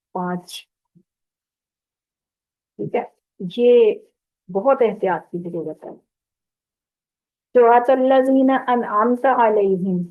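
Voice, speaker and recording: Earnest woman teacher on a tinny line. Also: mid-range voice. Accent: Pakistani Urdu. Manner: earnest, patient, corrects errors by contrasting sounds. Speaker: Quran recitation teacher. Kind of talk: spoken lesson with recited examples. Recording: tinny phone-like audio.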